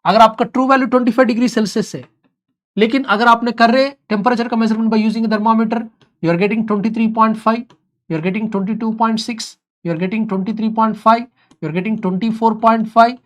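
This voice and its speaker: A woman with an Indian accent giving an exam revision lecture in mixed English and Hindi, repeating key phrases and checking that learners follow. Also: fairly high pitch. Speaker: teacher.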